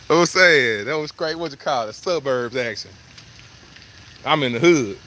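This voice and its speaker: A man vlogging live at an outdoor zoo, joking loudly in slangy banter. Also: mid-range voice, expressive, measured pace, slight background noise. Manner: loud, joking, slangy banter with frequent laughs. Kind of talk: casual live vlog.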